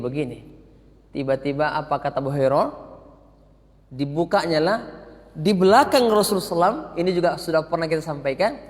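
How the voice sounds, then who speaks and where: A male preacher telling a story in a sermon, animated and theatrical, recorded in a mosque. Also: a little high. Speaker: ustadz, preacher. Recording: echoey mosque hall.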